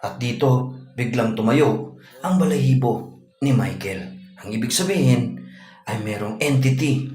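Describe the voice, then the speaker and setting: A man delivering a scripted voice-over narration in a measured, ominous storytelling way. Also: mid-range voice, darkish tone, reverberant, soft background music.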